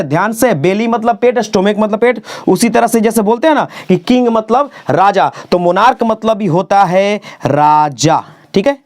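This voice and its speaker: In a lesson styled like a classroom class, a high-pitched man teaches English grammar. He spells words one letter at a time, says important phrases slowly more than once, and keeps asking "okay?"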